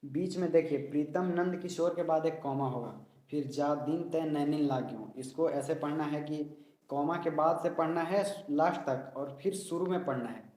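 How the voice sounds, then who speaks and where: A man teaching a poetry lesson in a casual, chatty way, slowly reciting verses and explaining them line by line. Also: fairly high pitch, darkish tone. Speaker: coaching teacher. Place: home room, dog barking outside. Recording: echoey room.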